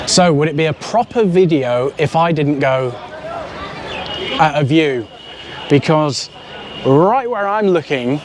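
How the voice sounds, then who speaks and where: A man making a casual travel vlog outdoors, chatty and enthusiastic, with fillers and asides. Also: fairly high pitch. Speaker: travel vlogger. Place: outdoors at a hilltop fort. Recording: outdoor street noise.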